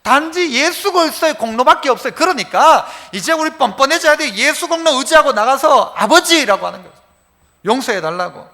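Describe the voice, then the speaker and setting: A man's voice: very high-pitched, lively intonation, brisk, pushed and bright, in a large hall. A male pastor, preaching a sermon in a church sanctuary in a conversational way, asking the congregation many questions.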